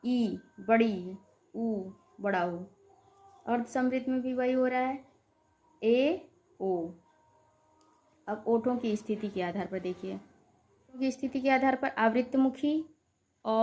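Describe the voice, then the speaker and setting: Slow, patient woman teaching grammar. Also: on the high side. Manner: slow, explanatory, repeats terms and drawn-out vowel sounds; asks rhetorical questions to the class. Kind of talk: Hindi grammar lesson for exam students.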